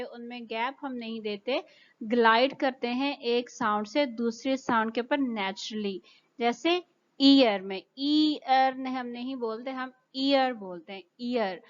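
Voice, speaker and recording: A woman with a Pakistani accent teaches English pronunciation in a recorded lecture, taking it slowly and stretching out each example word. Her voice sits a little high. The recording sounds dull and lo-fi. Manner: slow and careful, drawing out example words.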